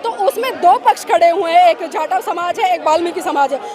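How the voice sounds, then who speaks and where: A woman reporter interviews people at an outdoor protest and keeps pressing them with the same questions. Her voice is very high. A dense crowd murmurs behind her. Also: animated, fairly quick. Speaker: street reporter.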